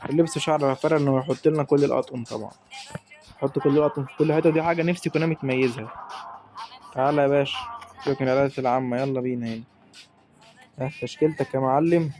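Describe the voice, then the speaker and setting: A young gaming YouTuber with an Egyptian Arabic accent gives hyped live commentary on a football video game, shouting to the players on screen. His voice is medium-pitched with a darkish tone.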